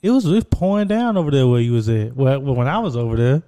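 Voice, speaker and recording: Smooth, mellow American man chatting. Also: mid-range voice, expressive, fast talker. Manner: slangy, conversational. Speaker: podcast co-host. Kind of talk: casual chat.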